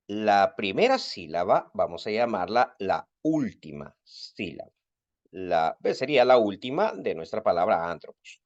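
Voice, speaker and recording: A man giving a recorded lesson as a Biblical Greek teacher, explaining clearly and stressing key words. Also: on the low side, dry recording. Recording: dry, slightly dull recording.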